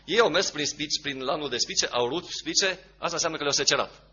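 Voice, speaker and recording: A man's voice: on the high side, bright, forceful tone, slightly rough, highs cut off. A man preaching a sermon, emphatic, repeating key phrases and asking rhetorical questions.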